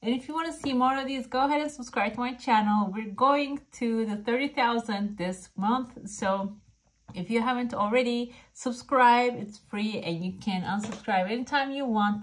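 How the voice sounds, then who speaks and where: A woman's voice: fairly high pitch, normal speed. A woman who is a non-native English speaker, talking casually as a fortune teller giving a reading straight to the viewer. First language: not English. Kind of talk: casual coffee cup and oracle card reading to camera.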